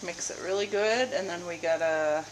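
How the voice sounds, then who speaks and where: A woman's voice: lowish voice, moderate pace. A young woman chatting casually as a mother filming a family vlog, with a playful, teasing manner. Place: kitchen at home, then moving car. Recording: noisy handheld camera audio.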